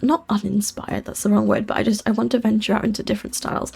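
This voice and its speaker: This young adult British woman hosts a gaming build channel, rambling through casual, chatty voice-over and often correcting herself. Her medium-pitched voice is level, quick, a little mellow and breathy, with vocal fry and a whistle on her S sounds. Soft music plays in the background.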